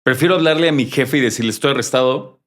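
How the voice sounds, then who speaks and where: A man's voice: mid-range voice, fast. A man, a journalist guest in a casual interview, telling a story with animation and acting out the dialogue. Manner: animated, acts out quoted dialogue.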